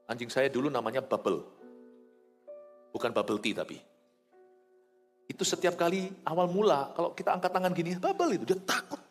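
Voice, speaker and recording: A man preaching a sermon as a pastor, animated and swinging between loud emphasis and quiet asides. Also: a little high, moderate pace, pauses often, long reverb tail, faint music behind.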